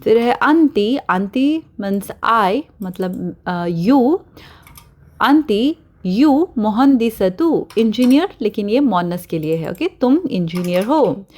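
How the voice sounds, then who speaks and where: A woman teacher leads an online Arabic grammar lesson at an unhurried pace. She pronounces each word slowly and repeats it, then explains it in Hindi-Urdu mixed with English. A steady "okay" keeps the lesson moving. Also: medium pitch.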